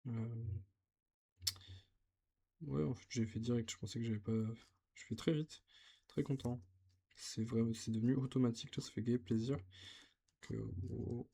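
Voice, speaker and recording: A man's voice: mid-range voice, steady tone, unhurried, gravelly, pauses often, dark tone, slightly rough. A young man vlogging his language practice, talking casually and hesitantly as he writes. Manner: hesitant, thinking aloud while writing. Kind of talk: casual learning vlog. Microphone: camera set on the desk.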